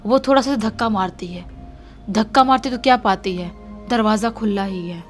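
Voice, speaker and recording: A woman's voice: medium pitch, moderate pace, faint music behind. A woman narrating a horror story in a casual, conversational way, repeating lines for emphasis.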